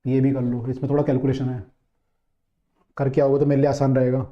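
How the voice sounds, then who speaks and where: A man's voice: medium pitch, level tone, a little fast. A man teaching a physics class online, chatty and coaxing, repeating his key points and checking that students follow. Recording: dull, roomy online-class audio.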